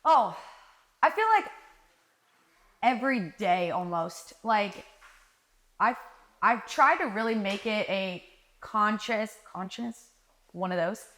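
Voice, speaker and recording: A woman guest on a podcast, telling stories in a casual, animated way, acting out quoted conversations and saying "like" often. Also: mid-range voice, slow pace, pauses often. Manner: animated, acts out quoted dialogue, frequent "like". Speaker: marketing director guest. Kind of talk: casual interview storytelling. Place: live podcast recording.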